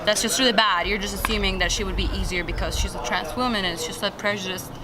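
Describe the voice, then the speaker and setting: A woman's voice: fast talker, over music. A woman hosting an informal explainer vlog, talking in simple phrases with examples. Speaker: video host. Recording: very noisy, rumbling background noise. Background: loud steady ambient noise.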